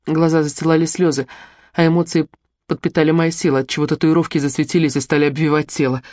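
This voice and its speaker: An audiobook narrator reading a first-person fantasy novel in an even, measured way. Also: medium pitch, no room sound, clean studio sound.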